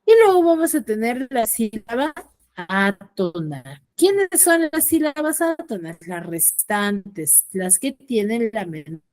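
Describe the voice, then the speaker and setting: A woman's voice: a little high, very animated, slow pace, darkish tone. A woman teaching an online class as a secondary school teacher over a video call, who checks in with her students often and patiently.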